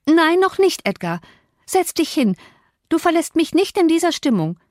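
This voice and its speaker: A hot-tempered young lady in a storybook reading, put on by a woman narrator, with a shrill, high, imperious voice. She rises well above the narrator's own pitch. The recording is dry and close. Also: big pitch swings, moderate pace, darkish tone, no room sound. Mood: pleading. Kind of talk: audiobook reading.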